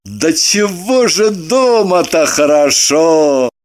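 Smug bossy husband, big slow exclamations, reader dropping low for him. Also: very animated, darkish tone. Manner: booming, drawn-out exclamations. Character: pompous middle-aged husband, blustering and self-satisfied.

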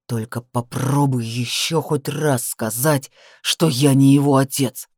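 A woman voicing a furious, possessive young man who growls his threats slowly. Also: a bass voice, steady tone, darkish tone, dry recording, clean studio sound, voice pushed down. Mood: snarling.

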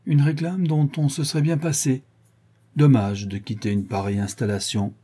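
A man's voice: mid-range voice, fairly even intonation, normal speed, dark tone, breathy edge, pitched above the performer's own voice, lightly acted. A man reading a cautious, anxious male accomplice who asks worried questions.

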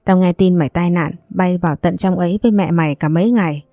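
A woman's voice: lowish voice, fast, dark tone, no room sound, clean studio sound, lightly acted. A woman voicing a crude, emotional young female best friend who talks bluntly and teasingly. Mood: excited.

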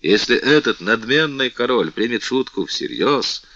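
A man's voice: mid-range voice, expressive, a little slow, bright, forceful tone, no echo, voice pushed up. A man voicing a proud king who speaks coldly and with sarcasm. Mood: cold mocking. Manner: cold, sarcastic. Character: cold, proud mocking king. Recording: dull, lo-fi, dry.

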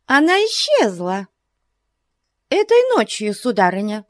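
A scheming middle-aged lady gushes with sugary, false concern in a raised voice, as a woman reads her part. She drags out her words slowly and the sound is dry and close. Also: sits high, animated, no room sound, voice pushed up. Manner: gushing, falsely solicitous.

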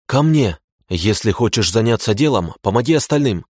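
A man's voice: fairly low pitch, lively intonation, normal speed, darkish tone, slightly rough, no echo, clean studio sound. A man voicing a male archer hero who gives terse orders. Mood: commanding.

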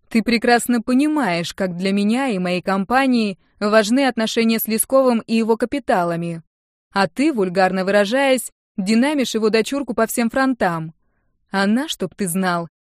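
A woman's voice: mid-range voice, no echo, studio quality, lightly acted. A woman reading an audiobook, voicing a domineering wealthy middle-aged mother who talks with sarcasm and scorn. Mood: scornful. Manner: sarcastic, venomous, raising her voice.

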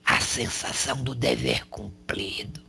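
A man channeling a male spirit who preaches in a slangy, raspy whisper, tagging lines with rhetorical questions. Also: medium pitch, measured pace, bright, forceful tone, a little hiss or hum, full character voice. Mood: preaching. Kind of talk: spiritual counsel.

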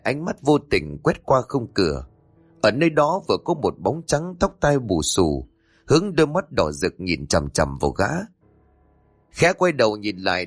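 A man's voice: fairly low pitch, no room sound. A man narrating a spoken horror story in a dramatic, tense manner.

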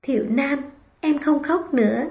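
A woman's voice: sits high, a little slow, roomy sound, voice pushed up. A woman putting on a timid, fragile young wife. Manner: soft, hesitant and childlike.

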